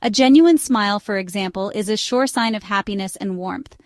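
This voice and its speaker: A woman's voice: medium pitch, moderate pace, dry recording, studio quality. A woman narrating scripted relationship advice, chatty and speaking straight to the listener. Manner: chatty, direct address to the listener.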